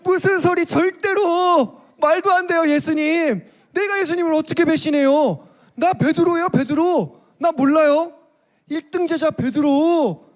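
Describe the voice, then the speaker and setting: A cocky young disciple who won't hear a word of doubt, as a preacher puts him on, protesting in a high, strained voice. He presses every point, proud and insistent, in a storytelling sermon. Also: a little slow. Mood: indignant, insistent. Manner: insistent, protesting, self-assured. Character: brash boastful young male disciple, eager.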